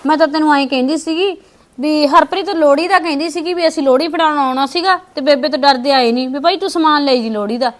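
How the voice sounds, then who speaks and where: A woman playing a grown married daughter who gently calms her mother down. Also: high-pitched, fast, natural voice. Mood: soothing. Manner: soothing, pleading.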